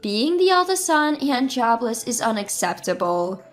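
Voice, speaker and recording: A woman in her twenties telling her own story as scripted first-person narration in an even, measured way. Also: on the high side. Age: 20s. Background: faint music.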